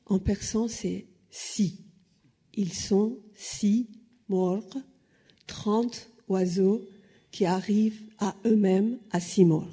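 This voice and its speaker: Iranian woman, persian first language, mellow voice, lots of umms, explaining stuff on a panel. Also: medium pitch, steady tone, extremely slow, husky. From Iran. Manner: hesitant, many filler sounds. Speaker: panel speaker.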